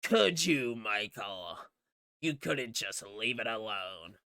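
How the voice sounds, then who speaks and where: A menacing killer in a rabbit suit drawls his threats at a slow, deliberate crawl, as a man puts him on. The voice is smooth and clear, and it sits close and dry with no room around it. He taunts like a movie villain. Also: lowish voice, very animated, sharp tone, no echo, pitched below the performer's own voice, full character voice.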